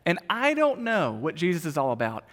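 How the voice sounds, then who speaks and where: A preacher voicing an exasperated angry farmer. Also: male voice, a little high, huge pitch swings, brisk, fairly bright tone. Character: frustrated angry farmer husband, middle-aged man. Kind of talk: sermon. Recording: long reverb of a large hall.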